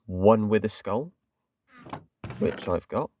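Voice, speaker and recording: Taking things slowly, a gaming channel host from England speaks in a lowish, slightly mellow voice. His commentary on his game is chatty, rambling, and self-deprecating, peppered with fillers like "kinda," captured from a distance with a little hiss or hum.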